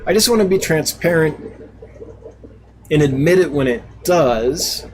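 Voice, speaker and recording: A man's voice: fairly high pitch, animated, measured pace, a little mellow, a little hiss or hum, low-quality recording. A man hosting a casual live stream, reading out viewer comments and answering them in a chatty, laughing, self-deprecating way. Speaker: live stream host and fish seller.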